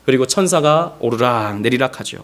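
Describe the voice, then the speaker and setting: A man's voice: medium pitch, normal speed. A male pastor preaching a Sunday sermon, telling stories with animation and speaking directly to his congregation. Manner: animated storytelling, acting out quoted speech.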